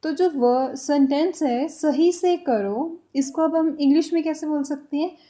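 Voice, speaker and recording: High-pitched woman teaching phrases slowly. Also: warm tone. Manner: slow deliberate repetition of example phrases. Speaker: language teacher. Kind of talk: spoken language lesson.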